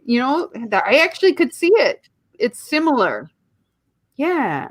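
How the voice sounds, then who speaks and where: Midwestern co-host, enthusiastic and giggly, lively voice, dry studio sound. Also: female voice, high-pitched, measured pace, no echo. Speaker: podcast co-host. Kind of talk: casual chat.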